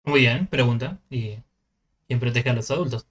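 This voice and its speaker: A man's voice: medium pitch, normal speed. A man with a mid-range voice co-hosts a casual podcast about films. He presses his partner with probing questions. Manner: probing, asks pointed questions. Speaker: podcast co-host. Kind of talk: casual film discussion.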